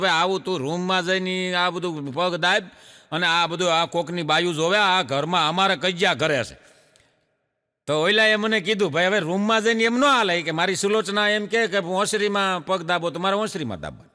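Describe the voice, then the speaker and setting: A man telling jokes as a stand-up comedian, animated and storytelling. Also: high voice, brisk, big-room sound. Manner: animated joke-telling with audience laughter. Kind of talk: Gujarati folk comedy storytelling.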